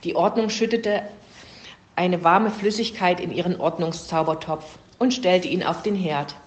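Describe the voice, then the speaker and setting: A woman's voice: lowish voice, unhurried. Woman reading a fable in an echoey room. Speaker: reader. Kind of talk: storybook narration. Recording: roomy echo.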